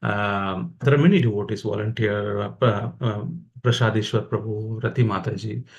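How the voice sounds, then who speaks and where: A man's voice: fairly low pitch, fairly even intonation, normal speed, muffled recording. A man with an Indian accent delivers an informal devotional talk. He exhorts his listeners in a conversational, motivating way, as a fellow practitioner would.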